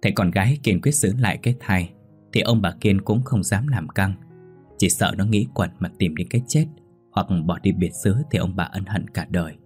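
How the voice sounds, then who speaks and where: A man narrating a scripted ghost story in a steady, somber way. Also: low-pitched, moderate pace, breathy edge. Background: faint music.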